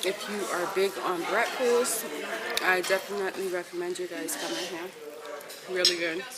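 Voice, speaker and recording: A woman's voice: fairly low pitch, fairly even intonation, normal speed, over a noisy crowd. A woman vlogger chats casually to her viewers while eating, chewing between phrases. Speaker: vlogger hosting a mukbang. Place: busy hotel breakfast dining area. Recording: noisy room with clattering dishes and cutlery.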